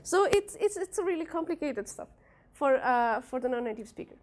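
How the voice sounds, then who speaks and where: A young woman, a native Spanish speaker from a Spanish-speaking country, gives an academic presentation of her research at a workshop. Her high-pitched, darkish voice is animated and brisk, carries a Spanish accent, and is full of fillers and restarts.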